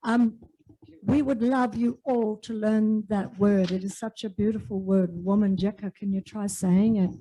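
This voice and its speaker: A woman's voice: medium pitch, steady tone, a little slow, dark tone, poor audio. A woman with an Australian accent hosting an evening event in a large room, speaking enthusiastically with many fillers. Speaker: host and executive officer.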